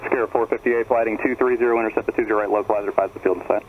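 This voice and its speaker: Man, air traffic controller, heard over aircraft radio, clipped instructions, very fast, low voice, clear engine noise behind. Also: fairly even intonation, narrow, tinny audio.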